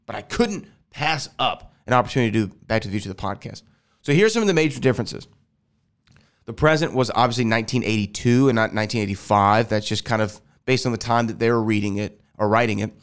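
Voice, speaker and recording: In his casual solo podcast, a fast-talking Houston man with a lowish, smooth voice rambles and corrects himself. A lingering sinus infection makes him sound nasal, and he records in an air-conditioned house.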